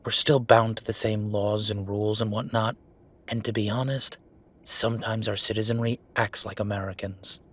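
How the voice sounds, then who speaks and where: In this roleplay audio drama, a man voices a fed-up werewolf official unloading on his partner, sounding tired and sardonic with a chatty flow punctuated by pointed pauses. His voice is lowish and slightly bright, delivered flatly. He comes across as irritated while he explains.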